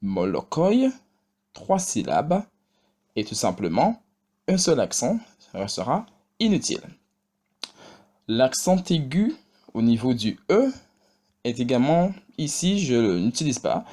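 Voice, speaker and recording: A man teaching a pronunciation lesson, saying example words slowly and repeating each one twice. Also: medium pitch, very animated, warm tone. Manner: slow and deliberate, repeating each word twice. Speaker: language teacher.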